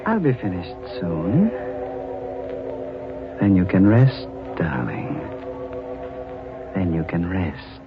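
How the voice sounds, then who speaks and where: An actor playing an obsessed, jealous, murderous sculptor in vintage radio horror, intense, theatrical and menacing. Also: male voice, deep voice, sing-song, slow, pauses often, exaggerated voice. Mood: quietly menacing. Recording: muffled old radio recording, music behind.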